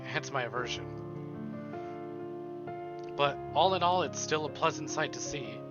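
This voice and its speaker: A man with a fairly high voice streams a visual novel, reading the story aloud as dramatic narration with casual asides. Soft game music plays in the background, and the audio sounds dull.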